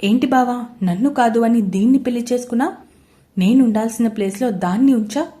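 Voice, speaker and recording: A woman's voice: fairly high pitch, brisk, mellow, natural voice. Woman playing a haughty scheming young rival. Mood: spiteful. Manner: haughty and spiteful.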